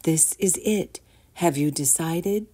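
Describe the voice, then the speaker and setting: A woman voicing a patient, gently firm mother in a read-aloud picture book, calm and measured. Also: low-pitched, breathy edge, exaggerated voice. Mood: gentle firm. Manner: calm, measured, kindly insistent.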